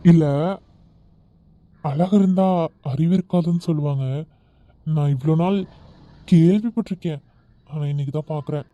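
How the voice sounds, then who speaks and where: A calm, gently teasing young man, played by a woman speaks quietly and kindly in this amateur audio drama. His voice is low and mellow. The recording is dry and somewhat lo-fi. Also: moderate pace, pauses often, slight background noise, close to an everyday voice. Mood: gentle. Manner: gentle, soft-spoken, playfully teasing.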